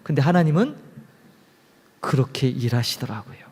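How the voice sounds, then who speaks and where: A man pastor preaching a sermon in a church, moving from loud exclamations to hushed whispers. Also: medium pitch, expressive, normal speed, slightly rough. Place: church sanctuary. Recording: long hall reverb.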